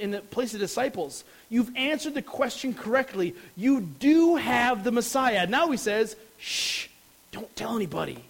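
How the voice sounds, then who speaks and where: A man's voice: very high-pitched, poor audio. A man preaching a sermon as a pastor, explaining a passage earnestly and stressing key words.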